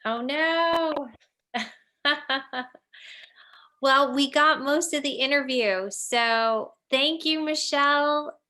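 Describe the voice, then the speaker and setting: A bubbly, gushing woman in her fifties hosts a casual interview over a video call. Her voice is bright and forceful. Her choppy call audio keeps breaking up and cutting out. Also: sits high, drawn-out words, long pauses. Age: 50s. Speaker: host.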